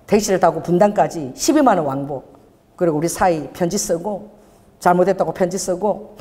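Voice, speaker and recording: An older woman pastor preaching a sermon, calling for responses from the congregation. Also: lowish voice. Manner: call-and-response preaching, animated. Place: church sanctuary. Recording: church hall reverb.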